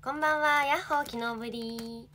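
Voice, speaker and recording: Her voice sits on the high side, brisk, steady, pushed, and bright, with slight background noise behind it. She is a young idol in her twenties livestreaming, reading viewer comments and chatting casually with giggly, bubbly energy.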